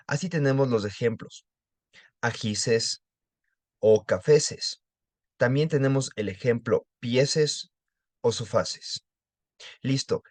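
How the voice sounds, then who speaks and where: A man's voice: mid-range voice, darkish tone, no echo. A man giving a class presentation, plainly listing word examples.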